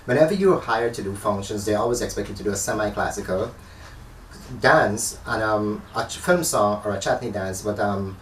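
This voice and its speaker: A man's voice: lowish voice, lively intonation, normal speed, a bit bright. A man from Guyana, a dancer, chatting as an interview guest and telling stories with animation. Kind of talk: casual interview chat. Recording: echoey room, far from the mic, faint noise.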